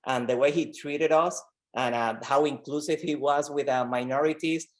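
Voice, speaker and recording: A man from Rico, a doctor telling his story in an interview, earnest and halting, with many fillers and repeated words. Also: fairly high pitch, fairly even intonation. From Puerto Rico. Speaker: pediatric oncologist guest. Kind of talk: conversational interview.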